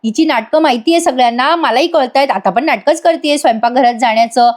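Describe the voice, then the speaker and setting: A woman voicing an insistent young wife who repeats her point emphatically and slowly. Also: high-pitched, natural voice.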